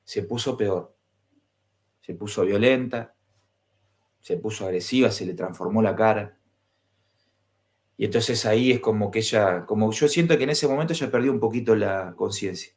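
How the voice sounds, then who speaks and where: A man with an Argentine accent, a pastor, tells a personal story to his listeners in a lively way, acting out the dialogue and asking them questions. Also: fairly low pitch, moderate pace, long pauses. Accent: Argentine Spanish. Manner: animated, acts out dialogue and asks the listeners questions.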